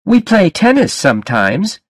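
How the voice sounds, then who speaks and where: A man voicing an unhinged, clingy young man with a soft, overfamiliar way of talking, in a read-aloud story. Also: high-pitched, huge pitch swings, a little slow, breathy edge, dry recording, studio quality, voice pushed up, heavily acted.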